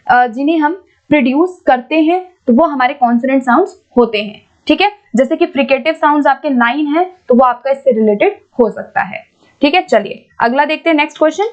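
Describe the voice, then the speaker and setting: A woman teaching an exam-prep lesson, patiently explaining and reading English questions out slowly. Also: high voice, animated, lo-fi sound. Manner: explains patiently, repeats points, keeps checking with "ठीक है".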